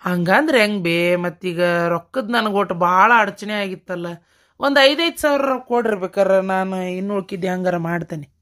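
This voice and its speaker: A hard-up young village husband from a cartoon, voiced by a woman, coaxes and pleads in a North Karnataka accent. The voice sits at an everyday pitch. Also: normal speed, a bit bright, close to an everyday voice. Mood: pleading. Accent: North Karnataka Kannada. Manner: pleading and coaxing. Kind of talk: cartoon voice acting.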